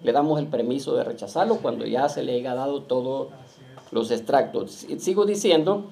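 A male pastor preaching to his church, often checking in with the congregation and slowing down to read scripture aloud. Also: medium pitch, creaky. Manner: keeps asking the flock "¿verdad?"; reads scripture slowly and loudly. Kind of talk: Pentecostal-style sermon. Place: church in Las Vegas.

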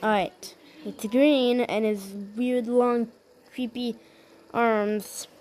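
Hushed, slow-talking woman gamer. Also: on the high side, fairly even intonation, rough recording. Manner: hushed, half-whispered talk. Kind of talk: gameplay commentary.

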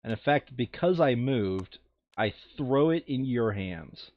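At a slightly slow pace, a man with a medium-pitched, expressive voice walks through enemy moves in a relaxed board game, explaining rules in an insistent, teacherly manner. The recording is dry, with a dull lo-fi microphone quality.

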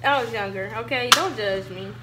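A woman's voice: a little high, moderate pace, very noisy. A young woman chatting casually and teasingly in slang, recorded indoors at home. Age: young adult. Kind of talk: casual joking chat during a taste challenge. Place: indoor kitchen counter, small home room.

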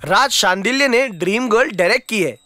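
A man's voice: sits high, lively intonation, sharp tone. A man voicing a little cheeky male cartoon presenter who reads film news and cracks jokes. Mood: chirpy. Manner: teasing, quick with jokes.

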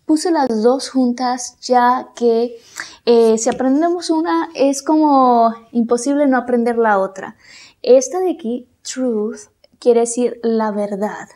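A woman teaching English vocabulary, saying each word slowly and carefully, then repeating it. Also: on the high side, darkish tone. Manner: slow, carefully repeated words. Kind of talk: language lesson dictation.

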